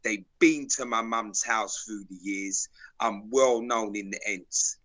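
A man's voice: fairly low pitch, takes it slowly, fairly bright tone. A man with a South London accent, telling stories in street slang in an emphatic, declarative, repetitive way. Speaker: interview guest, videographer.

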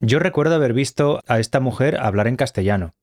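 A man who speaks in a calm, measured way. He is agreeable and careful with facts, and his voice sits at a middle pitch. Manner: measured, agreeable, fact-checking. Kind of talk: casual chat.

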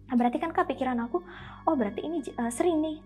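Young woman telling a story on a podcast, chatty, kinda high voice, soft music behind. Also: rapid-fire. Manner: chatty and animated, constantly addressing the listener; acts out quoted speech with sudden exclamations. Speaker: guest telling a personal experience. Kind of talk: casual spoken storytelling. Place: podcast studio.

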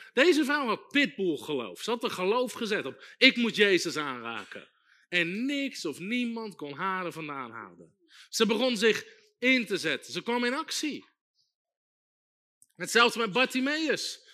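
High, bright-voiced preacher man. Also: big pitch swings, unhurried. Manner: emphatic, repeats key phrases, builds to loud exhortation. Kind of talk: sermon.

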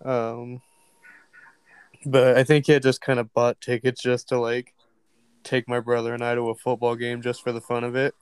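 A man on a podcast recalling a memory in a halting, casual way, with many fillers. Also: mid-range voice, monotone, clean tone, dry recording. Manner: hesitant, lots of ums and likes. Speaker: podcast co-host. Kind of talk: casual storytelling.

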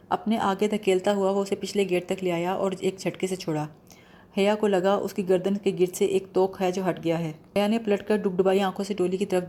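A woman narrating a novel aloud in a steady, measured storytelling voice. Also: mid-range voice. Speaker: audiobook narrator. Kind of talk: novel reading.

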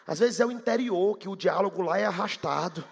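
A man from Bahia with a Bahian accent, preaching a sermon fast and with fervor, rising to shouts and a sing-song cadence. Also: sits high, creaky, husky. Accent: Bahian Portuguese. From Bahia, Brazil. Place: church hall. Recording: long hall reverb.

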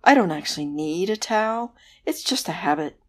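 A woman's voice: fairly low pitch, lively intonation, normal speed. A woman voicing a vague, wandering female ghost with a moaning, plaintive voice in a storybook reading. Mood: apologetic.

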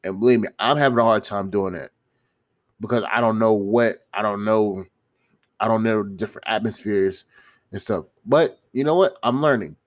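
Male YouTuber, lowish voice with a blocked-nose sound; informal pep talk, repetitive, slangy, unpolished. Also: moderate pace. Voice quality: congested, stuffy-nosed. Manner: rambling, repeats and restarts phrases; slangy, frequent swearing. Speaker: YouTuber giving self-improvement advice. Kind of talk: casual motivational monologue to viewers.

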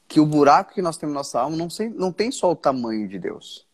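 Husky-voiced Brazilian pastor, earnest. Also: male voice, fairly high pitch, big pitch swings. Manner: earnest, restarts often, slows for emphasis. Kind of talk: casual devotional chat.

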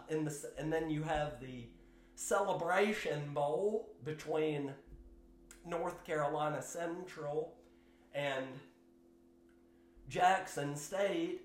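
A man hosting his own sports podcast, giving solo commentary in a slow, measured way with fillers and hedges. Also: fairly high pitch, reverberant, slight background noise. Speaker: podcast host.

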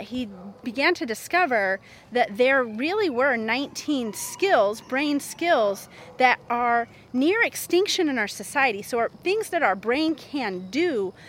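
A woman in her forties, a therapist hosting a podcast, talking in a chatty, animated way and laughing often. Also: sits high, slight background noise. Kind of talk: casual podcast monologue.

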